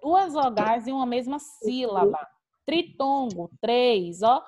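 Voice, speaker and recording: A woman's voice: on the high side, lively intonation, slow, a crowd in the background. A woman teacher with a Brazilian accent, patiently explaining grammar in an online class and repeating key terms.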